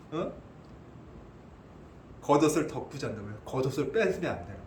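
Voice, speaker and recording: A male pastor preaches in a church sanctuary with a high, lively voice that leaps up and down. The sound rings around the echoey hall. He keeps asking his listeners questions and answering them himself. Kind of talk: expository sermon.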